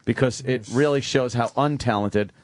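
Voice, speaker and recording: A man's voice: mid-range voice, moderate pace. A male radio host in casual on-air chat, profane and wisecracking. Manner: profane, wisecracking, with many fillers.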